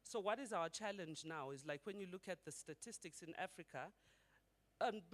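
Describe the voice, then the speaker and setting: A man's voice: fairly high pitch, fairly bright tone. A middle-aged man from Zimbabwe giving a conversational conference talk and putting rhetorical questions to the audience. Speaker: conference speaker.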